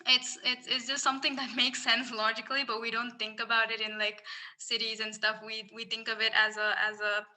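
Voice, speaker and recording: A young adult woman from Singapore, a climate researcher, appears as a guest on a casual podcast interview. Her voice is on the high side, pushed and bright, with a level tone and a fairly quick pace, and she speaks earnestly and thoughtfully with frequent restarts.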